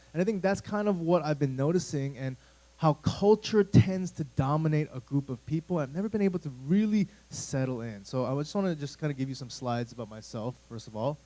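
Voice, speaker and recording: Captured in a rough recording, a man speaks with a fairly high, mellow voice. He's a youth pastor in his thirties from the United States, giving a loose, rambling talk full of fillers and asides to a church youth group in a church room.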